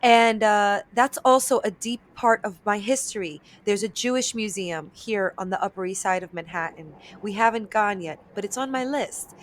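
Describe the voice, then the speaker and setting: A New York comedian and voice actor of Dominican and Eastern European roots chats animatedly as a guest on a casual podcast interview, dropping Spanish words into her talk. Her mid-range voice moves at a moderate pace with hardly any pauses.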